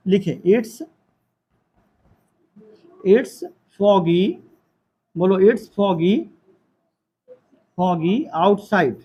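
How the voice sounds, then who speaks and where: High-pitched guy teaching a grammar class, says every phrase twice, takes it real slow. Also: warm tone, breathy edge. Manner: dictates sentences slowly, repeating each phrase; asks the class questions.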